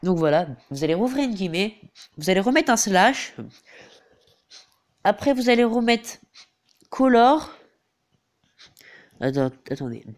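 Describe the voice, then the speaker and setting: Very animated yet measured in pace, a high-pitched teenage boy with a head cold narrates a game tutorial over the screen, pausing often. The gaming YouTuber hesitates a lot and falls back on fillers, repeating "donc voilà."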